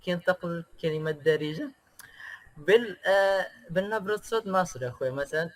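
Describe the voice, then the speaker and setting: A man from Indonesia, a native Indonesian speaker, talks casually as a guest in an interview. He pauses often and fills the gaps with drawn-out filler sounds. His voice sits a little high for a man. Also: animated.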